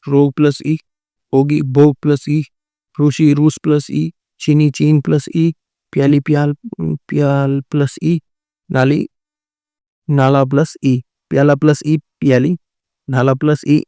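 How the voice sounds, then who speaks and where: A man's voice: a little high, mellow, no echo, studio quality. A man teaching a Hindi exam-prep class, going through multiple-choice answers and often repeating words and answers. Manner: repeats words and answers, often says "theek hai" and "right".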